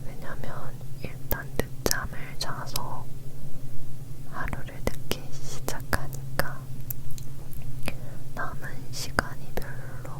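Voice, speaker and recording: A young woman leaning in to whisper softly and carefully into a close microphone, chatting casually in an ASMR style. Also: takes it slowly, long pauses, low-quality recording. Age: young adult. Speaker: ASMR video creator. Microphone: close recorder microphone.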